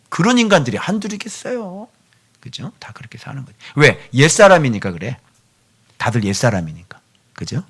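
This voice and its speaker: A man's voice: medium pitch, fairly bright tone, breathy edge. A male pastor preaching a sermon in a church, chatting with the children by name and sometimes dropping to a near-whisper. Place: church sanctuary.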